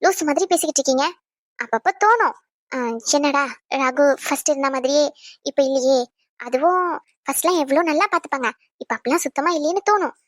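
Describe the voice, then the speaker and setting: A young woman plays an affectionate young wife in an audio drama, her voice bright and high. She chats along and fusses tenderly over her husband. The recording is close and dry. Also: no echo. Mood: tender, reassuring. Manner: chatty, fussing, tender. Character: caring young pregnant wife, chatty and affectionate. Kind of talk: Tamil audio drama acting.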